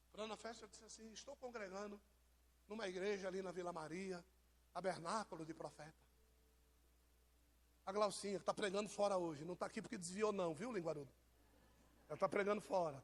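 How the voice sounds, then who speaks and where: A man's voice: sits high, fairly quick, pauses often. A man with a Brazilian accent, preaching an informal sermon and joking with members of his congregation. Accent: Brazilian Portuguese. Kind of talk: informal sermon to a live church.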